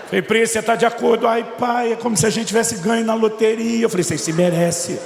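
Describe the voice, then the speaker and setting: Brief: middle-aged male pastor, animated storytelling preacher, gravelly high voice, long church reverb. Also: fast, background noise. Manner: animated storyteller, voices quotes of himself and his son. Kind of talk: sermon with acted-out dialogue. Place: large church hall. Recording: echoey church hall with reverb.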